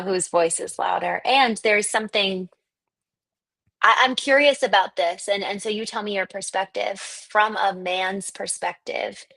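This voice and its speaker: A woman's voice: on the low side, creaky, a bit bright. A woman hosting an interview, encouraging and curious, often giving short affirmations. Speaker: podcast host. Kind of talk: conversational interview.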